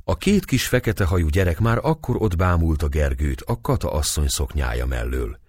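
Deep male audiobook narrator, very low voice, lively expressive swings, dry close sound. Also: slightly rough, no echo. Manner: expressive storytelling. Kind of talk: scripted narration of a historical novel.

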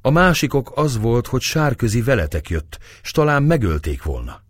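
A man's voice: mid-range voice, big pitch swings, breathy edge, no room sound, studio quality, voice pushed up. A man voicing a frightened young woman who speaks with breathless urgency in an audiobook. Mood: urgent.

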